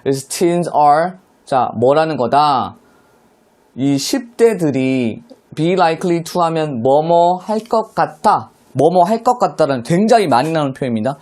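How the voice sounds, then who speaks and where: Brief: male English teacher, fairly high voice, online lecture, asks questions as he explains. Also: lively intonation, a little slow, a little mellow.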